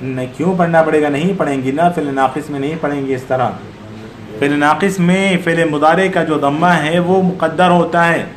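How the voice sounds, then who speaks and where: Higher-voiced man teaching grammar in an echoey room. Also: normal speed. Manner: quizzes students, corrects patiently. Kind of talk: online Arabic grammar class.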